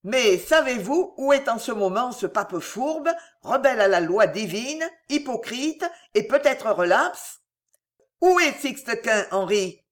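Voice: mid-range voice, expressive, slow pace, a bit bright. A reader voicing a proud, fierce aristocratic mother who speaks in a fiery, declamatory way. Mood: fierce, urgent.

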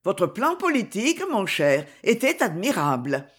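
A narrator putting on a grave, coldly calm queen. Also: mid-range voice, measured pace, husky, full character voice. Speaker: character in a read novel. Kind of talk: audiobook reading.

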